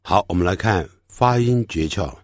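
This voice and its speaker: A man giving a pronunciation lesson, explaining sounds patiently and repeating practice words slowly for learners to copy. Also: sits low, no room sound, clean studio sound. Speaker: English teacher.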